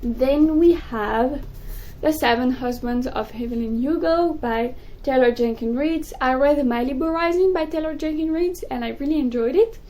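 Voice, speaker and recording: A young woman, a native French speaker, chatting excitedly about books in a casual vlog. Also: high voice, rough recording. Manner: excitable, gushing, quick bursts. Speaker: book vlogger. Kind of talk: casual chat to camera.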